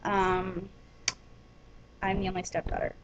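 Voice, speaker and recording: A woman's voice: mid-range voice, level tone, a little slow, lo-fi sound, slight background noise. A woman vlogger telling a personal story in a casual, rambling way, with many ums and restarts.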